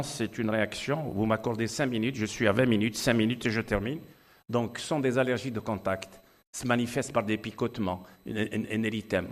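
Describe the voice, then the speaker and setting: Middle-aged ENT doctor with Algerian French accent, fairly low voice, rambling conference lecture full of fillers. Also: male voice. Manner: anecdotal, hesitant with many fillers.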